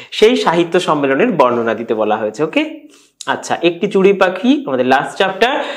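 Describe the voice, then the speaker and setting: Man talking through exam suggestions. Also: a little high. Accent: West Bengal Bengali. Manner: rapid question-by-question rundown with frequent "আচ্ছা". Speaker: teacher.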